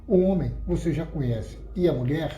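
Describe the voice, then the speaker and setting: Brief: earnest loyal friend read by a male narrator, warm low tone, roomy echo. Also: moderate pace, faint music behind, close to an everyday voice. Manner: earnest, soothing. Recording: roomy echoey recording.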